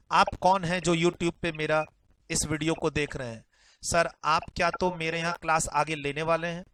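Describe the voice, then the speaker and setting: A man's voice: fairly high pitch, sharp tone, poor audio. A male tax teacher, explaining exam updates directly to students, repeating his points and mixing in English phrases.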